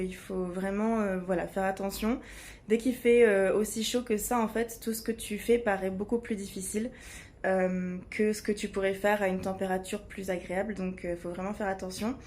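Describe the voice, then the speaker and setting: A woman's voice: medium pitch, a little mellow. A woman chatting casually as a travel vlogger, hesitant and searching for her words. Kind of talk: casual chat to camera. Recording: clear background ambient noise.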